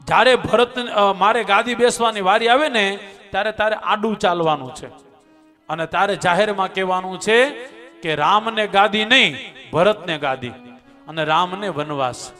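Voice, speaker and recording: A calm divine prince speaks earnestly and reassuringly in a high voice, as a man puts him on in a devotional story. He sounds resolute. Faint music plays behind. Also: moderate pace.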